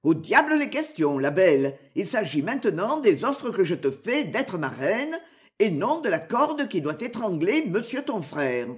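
A woman's voice: medium pitch, big pitch swings, measured pace. A woman doing a mocking bearded outlaw. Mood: menacing. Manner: mocking, boastful, menacing.

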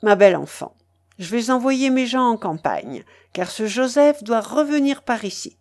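A woman reading aloud voices a fierce, sardonic male pirate, dropping her voice low and sounding threatening. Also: sing-song, normal speed. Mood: menacing. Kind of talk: dramatic reading of a novel.

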